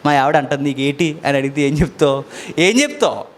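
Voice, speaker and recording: Male pastor, lively sermon delivery with rhetorical questions, voice on the higher side. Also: fast talker. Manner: animated preaching, many rhetorical questions, big pitch swings.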